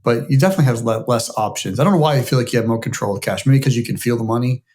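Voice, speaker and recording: A man's voice: medium pitch, racing, a little mellow. A man co-hosting a business podcast in a studio, chatting casually, hedging and trailing off as he thinks aloud. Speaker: podcast co-host.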